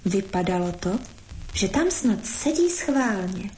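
A woman gently reading a storybook aloud in measured narration. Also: mid-range voice, big pitch swings, rough recording.

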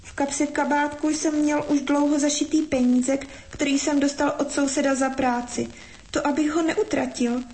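A woman's voice: high voice, fairly even intonation, a little mellow, voice pushed up, natural voice. A woman voicing a small, sad little boy who pleads through tears in a storybook reading. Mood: tearful. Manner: tearful, pleading.

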